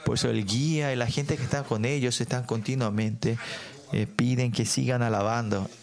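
A man preaching a sermon, reading scripture slowly and often adding tag questions and fillers. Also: medium pitch, fairly even intonation. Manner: reads scripture slowly and deliberately. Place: church service.

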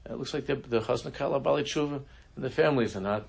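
A man teaching a religious class, telling a story in a halting way, often restarting his sentences. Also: mid-range voice, creaky, husky. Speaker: Torah teacher.

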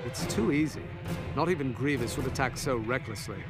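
An actor playing a calm, cautious adult male Jedi master in an animated show, with loud score behind. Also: medium pitch, brisk, loud music behind the voice, close to an everyday voice. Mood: wary. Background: loud orchestral score and battle sounds.

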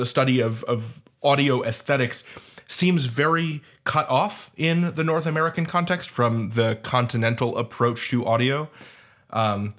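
A man on a roundtable panel, an audio fiction creator, speaks in an academic discussion with articulate, wordy, scholarly phrasing. His voice is mid-range and a bit bright.

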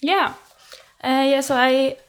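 Norwegian woman speaking in an even tone. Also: high-pitched. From Norway. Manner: cheerful, laughs often, many pauses and fillers. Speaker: guest musician. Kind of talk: casual interview talk.

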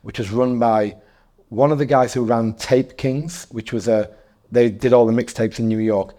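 Guy in his 40s chatting on a podcast, mellow low-key tone, lots of restarts and little laughs. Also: steady tone, normal speed. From North East England. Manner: rambling, self-correcting, laughs often. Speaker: guest DJ and MC. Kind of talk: casual interview chat.

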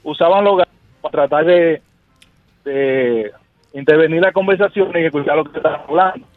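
A Dominican man tells a rambling, slangy story on a radio show. He comes through a thin, phone-like line, and his voice sits a bit high. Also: a little fast, soft background music. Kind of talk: storytelling anecdote.

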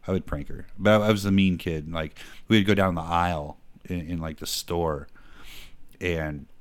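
A man's voice: deep voice, fairly even intonation, moderate pace, smooth. A middle-aged man, a podcast co-host, telling crude prank stories in casual chat. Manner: crude storytelling, joking.

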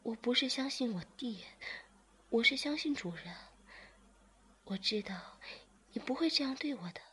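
A woman in whispered role-play, voicing a submissive young woman lover in a breathy, pleading voice pitched well above her own. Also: expressive, normal speed, a bit bright, full character voice. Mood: soft tender.

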